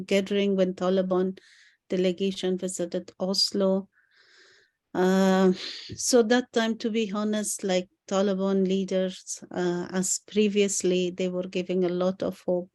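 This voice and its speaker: Female panel guest. Unhurried, flat-pitched delivery with hesitant pauses while recounting events. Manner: hesitant, frequent pauses in non-native English. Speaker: panel guest from civil society.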